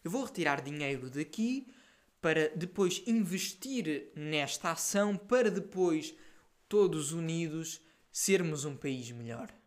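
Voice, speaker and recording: A young man with a European Portuguese accent, putting on a pompous male politician making a slow, grandiose speech. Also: a little high, lively intonation. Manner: slow, grandiose, groping for words.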